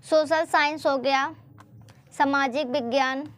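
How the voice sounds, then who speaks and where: High-voiced woman teaching casually. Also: steady tone, measured pace, no echo. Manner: chatty, repeats and asks rhetorical questions. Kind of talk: motivational study lesson.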